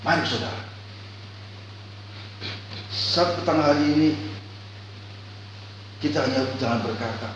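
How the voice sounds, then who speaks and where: A male pastor delivering a storytelling sermon, swinging between loud calls and quiet reflection. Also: fairly high pitch, measured pace, pauses often, highs cut off. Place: church hall. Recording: echoey church hall, far mic, faint hum.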